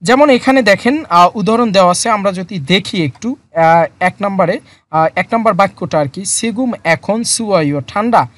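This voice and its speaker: A teacher explaining a textbook lesson in a slow word-by-word way, repeating each term with frequent fillers. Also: mid-range voice, animated, fairly bright tone, no room sound. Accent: Bangladeshi Bengali. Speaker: Korean language teacher. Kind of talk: lesson explaining vocabulary and grammar.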